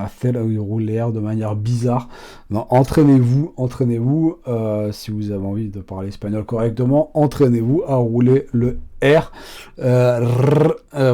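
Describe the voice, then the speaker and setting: Casting: man, mellow low-bright voice, casual rambling language teacher full of fillers. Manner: rambling, many fillers and restarts. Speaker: Spanish teacher. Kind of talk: casual online language lesson.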